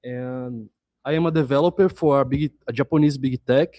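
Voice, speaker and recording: Man from Brazil, developer, mid-pitch, dark tone. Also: moderate pace, no room sound. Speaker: software developer. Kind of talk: self-introduction.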